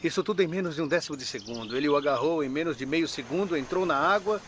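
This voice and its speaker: A man's voice: on the high side, fast, a bit bright, lightly acted. An actor voicing a crocodilian researcher, a man speaking in a dubbed nature documentary. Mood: impressed. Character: male crocodilian researcher, cautious and impressed. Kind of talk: dubbed nature documentary interview and field commentary. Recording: noisy, outdoor ambience behind.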